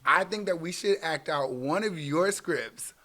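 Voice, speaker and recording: A man's voice: a little high, animated, a little slow, pushed and bright. A man chatting casually in an upbeat way, setting up a game for the group. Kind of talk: casual chat. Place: backyard. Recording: noisy backyard recording.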